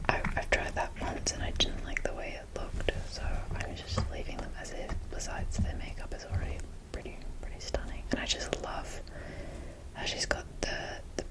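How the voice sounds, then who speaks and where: An ASMR video creator whispers breathily close to the mic, chatting in a casual, unscripted, rambling and gushing way. She talks at a normal speed, and the audio quality is poor.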